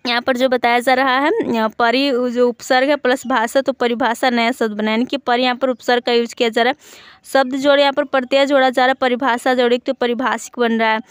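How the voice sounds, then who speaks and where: High, smooth-voiced woman teaching Hindi spelling. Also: level tone, fairly quick, dry recording. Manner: explains step by step, listing word examples with many fillers. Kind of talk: online exam-prep lesson.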